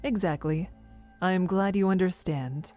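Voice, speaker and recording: A woman's voice: lowish voice, measured pace, dark tone, faint music behind, close to an everyday voice. A woman voicing a stern, duty-bound female starship captain in a game, speaking formally in clipped sentences. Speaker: ship captain. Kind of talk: game voice acting.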